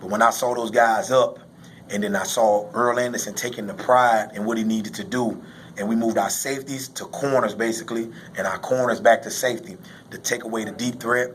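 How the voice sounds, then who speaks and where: A man who coaches high school football, explaining casually and emphatically in a postgame interview, often repeating phrases for stress. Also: fairly even intonation, fairly quick, slight background noise, poor audio.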